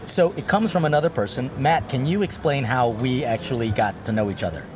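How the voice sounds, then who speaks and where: A man from the United States, a priest hosting a casual food and travel interview at an outdoor restaurant, talking in a lively, jokey way. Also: medium pitch, a little fast, crowd noise. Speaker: host and priest.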